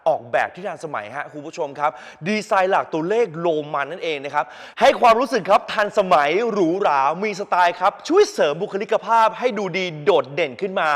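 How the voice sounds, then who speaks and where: A man's voice: high-pitched, expressive, a little fast, hardly any pauses, fairly bright tone, long reverb tail. A man presenting products on a TV shopping channel, talking eagerly and constantly addressing the viewers. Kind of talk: live TV product demonstration.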